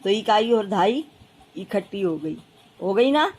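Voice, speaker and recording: A woman's voice: medium pitch, animated, unhurried, a little mellow, breathy edge. A woman primary school teacher explaining place value, patiently counting aloud and repeating steps for children. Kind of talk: classroom math lesson.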